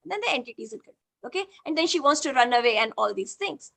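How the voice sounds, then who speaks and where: Very high, bright-voiced Indian woman. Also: quick pace, gravelly. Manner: animated, mixes English and Hindi, many "you know" fillers. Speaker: spiritual session facilitator. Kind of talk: storytelling in a group session.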